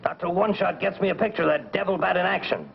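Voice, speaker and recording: Gravelly, sarcastic American newspaper boss. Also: male voice, high voice, fast talker, exaggerated voice. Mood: sarcastic, exasperated. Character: gruff, sarcastic male newspaper boss, exasperated and skeptical. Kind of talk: 1940s B-movie film acting. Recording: muffled, crackly vintage film soundtrack.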